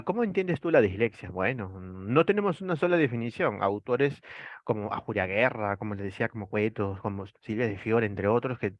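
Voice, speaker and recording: A Peruvian man with a mid-range voice explains topics to an online class, raising rhetorical questions and then answering them. His Peruvian Spanish is sprinkled with frequent "¿no?" tags, and the audio is dry and dull.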